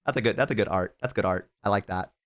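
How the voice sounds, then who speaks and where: A young man chatting casually on a live stream, telling rambling, profane stories to his chat and slipping into animated impressions. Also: fairly low pitch, fast. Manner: talks to chat.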